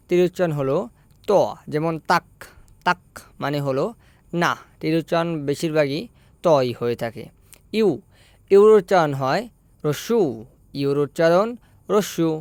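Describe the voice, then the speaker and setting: Male tutor, somewhat high, smooth voice, patient drilling delivery, dry close mic. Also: darkish tone, no echo. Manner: says each letter and word twice, measured. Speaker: language teacher. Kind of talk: slow repetitive language lesson.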